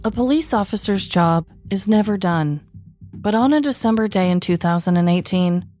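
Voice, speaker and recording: With soft music playing behind her, a thirtysomething podcast host from the United States tells a scripted comedic story in a wry, dramatic way. She speaks at medium pitch and a moderate pace, sounding animated and a little mellow.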